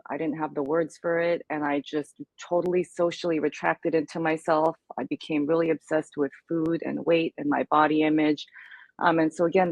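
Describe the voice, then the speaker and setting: An American woman speaks as a guest in a candid interview, earnest and reflective while talking through her experience. Her voice is low, with no room sound, and the recording quality is poor.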